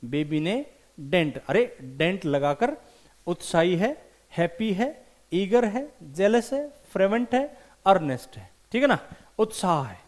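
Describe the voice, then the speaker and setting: A man teaching English vocabulary for competitive exams, animated and repeating key words slowly for emphasis. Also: high-pitched. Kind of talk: vocabulary lesson with memory tricks.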